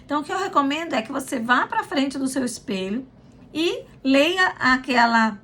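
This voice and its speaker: A woman's voice: high voice, fairly bright tone. A woman with a Brazilian Portuguese accent, a language school director, explaining study tips in a conversational way with frequent fillers. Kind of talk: informal teaching talk.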